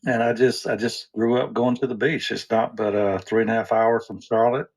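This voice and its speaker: A man's voice: medium pitch, little pitch movement, normal speed, breathy edge, low-quality recording. A man as a podcast guest, talking in an easygoing, rambling way. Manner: easygoing, rambling, restarts often. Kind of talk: casual interview chat.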